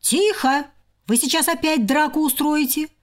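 A woman voicing a fussy young male hamster who shouts stern commands to stop a quarrel. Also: high-pitched, measured pace, voice pushed up.

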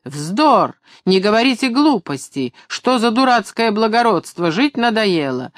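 A man reading an audiobook, voicing a gruff middle-aged man who yells hoarsely and frantically over battle noise. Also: sits high, big pitch swings, a little slow, dry recording, studio quality, voice pushed up, exaggerated voice. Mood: frantic shouting.

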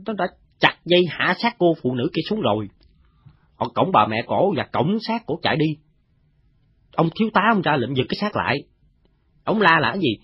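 Brief: male actor doing a gossiping foot soldier, Southern Vietnamese accent, husky, lively pitch, dull dry lo-fi recording. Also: dry recording. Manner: rough, chatty storytelling with swings in loudness. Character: gossiping rank-and-file male soldier, coarse and boastful. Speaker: voice actor in an audio drama.

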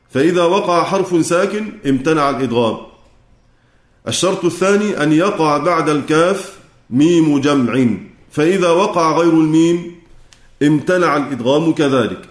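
A man with an Egyptian Arabic accent teaches a recitation class in a fairly high voice. He explains each rule step by step and stretches out the verse lines as he chants them. His voice rings with the echo of a roomy hall. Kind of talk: lecture explaining a classical poem.

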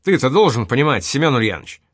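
A man's voice: medium pitch, very animated, fast, dry recording, studio quality. A man voicing an eager young soldier who speaks heatedly and proudly. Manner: heated, boastful.

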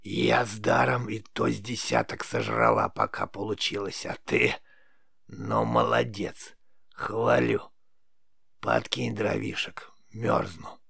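A man reading an audiobook, voicing a spiteful old forest witch with a creaky voice. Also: lowish voice, animated, slow, a bit bright, dry recording, clean studio sound, exaggerated voice. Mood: mocking.

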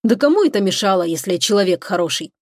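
A woman voicing a gruff male starship captain who grumbles and fumbles for words. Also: medium pitch, expressive, fast talker, dry recording, clean studio sound, natural voice. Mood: grumbling.

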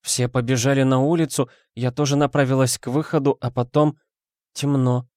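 A man's voice: medium pitch, fairly even intonation, moderate pace, darkish tone, dry recording, studio quality, pitched above the performer's own voice, natural voice. A man voicing a weak, confused young noblewoman who speaks faintly and hesitantly. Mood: dazed.

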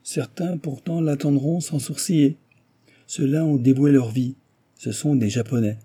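A man's voice: mid-range voice, fairly even intonation, a little slow, dark tone, breathy edge, voice pushed up. A man voicing a cruel young Japanese villain who talks in a sneering, menacing way, for an audiobook. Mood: cold menace.

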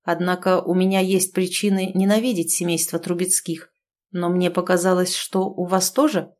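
Lady voicing a young captain, calm and sly, kinda quiet. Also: on the low side, close to an everyday voice. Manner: quiet, measured.

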